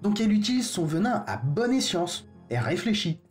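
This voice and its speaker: Male explainer host, casual and wisecracking, very animated delivery, talks to camera. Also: high voice, a little fast, soft background music. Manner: joking, slangy, talks straight to viewers. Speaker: educational YouTuber.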